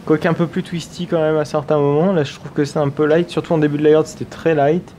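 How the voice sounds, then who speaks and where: A man with a somewhat high voice talks through a video game in a relaxed let's-play style. He is chatty and enthusiastic, thinking aloud as he plays. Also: quick pace, a little hiss or hum. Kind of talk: casual let's-play commentary.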